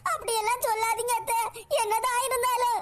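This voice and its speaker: Woman doing a whiny sly cartoon daughter-in-law, very high squeaky voice, pleading, noisy recording. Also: flat delivery. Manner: whining, pleading, quick to quarrel. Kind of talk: cartoon comedy voice acting.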